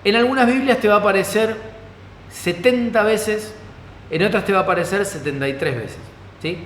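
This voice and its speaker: Man, Rioplatense accent, pastor teaching Bible study, fairly high voice, echoey hall, faint background hiss. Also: normal speed, a bit bright. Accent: Rioplatense Spanish. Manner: conversational teaching, frequent "¿sí?" check-ins.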